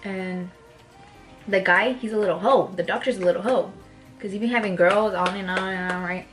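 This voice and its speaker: Young woman just chatting and telling a story, keeps saying right?, quiet music behind. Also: mid-range voice, moderate pace. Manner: casual, keeps checking in with "right?". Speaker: vlogger. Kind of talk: casual storytelling chat.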